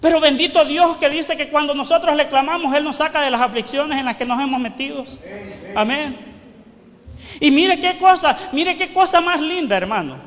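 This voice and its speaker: Male pastor, very high bright voice, fervent sermon in a reverberant church hall. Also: moderate pace. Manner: fervent preaching, asks the congregation questions, shouts quoted cries.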